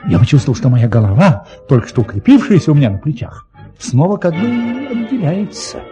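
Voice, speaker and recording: An actor playing an excitable, boastful adventurer baron in a theatrical, expressive audio play style, with a husky voice. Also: male voice, on the high side, brisk, over music. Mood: storytelling. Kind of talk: Soviet audio play acting.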